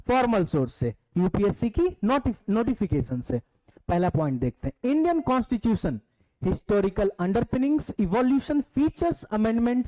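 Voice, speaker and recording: A man's voice: high-pitched, warm tone, low-quality recording. A man with an Indian accent teaching an online demo class, explaining step by step and asking the class questions. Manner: reads syllabus points aloud slowly in English.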